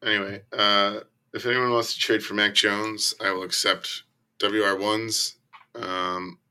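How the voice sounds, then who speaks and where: A man with a croaky, hoarse voice and creaky starts, chatting casually and bluntly as a fantasy sports podcast guest. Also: lowish voice, little pitch movement, measured pace, pushed and bright. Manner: blunt, profane. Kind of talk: casual fantasy football chat.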